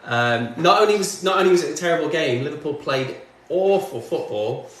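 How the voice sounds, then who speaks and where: Far from the mic, a music streamer from northwest England chats in an animated, brisk way with a fairly high-pitched voice. He answers chat comments while working in his indoor home studio, where the very echoey room carries faint background noise.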